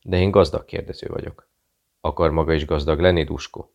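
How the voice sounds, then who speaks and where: A man reading a calm British investigator who talks in a friendly, quietly persuasive way. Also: very deep voice, vocal fry, muffled recording. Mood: probing. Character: cool British male investigator posing as journalist.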